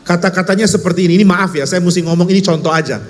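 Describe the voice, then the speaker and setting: A man from Indonesia preaching a conversational sermon, telling stories in a lively, wry, emphatic way. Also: sits high, very fast. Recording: long hall reverb.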